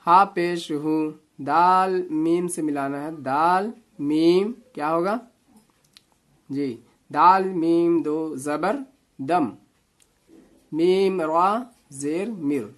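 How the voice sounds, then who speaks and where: A man teaching Quran reading, spelling out letters and vowel marks syllable by syllable, with quick explanations. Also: a little high. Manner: slow drawn-out syllable-by-syllable recitation between quick explanations. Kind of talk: spelling-out recitation lesson.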